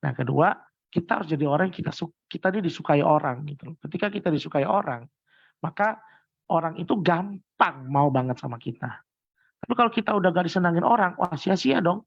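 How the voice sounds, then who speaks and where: A man giving sales training on a video call, lively and acting out sales pitches with big changes in intonation. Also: gravelly, no room sound. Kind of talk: online sales training talk. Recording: dull lo-fi video call audio.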